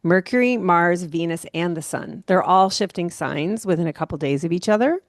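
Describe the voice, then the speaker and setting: A woman astrologer giving a casual monthly horoscope talk, rambling and relaxed, with many fillers and soft laughs. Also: on the low side, normal speed, no room sound, studio quality. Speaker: astrologer host.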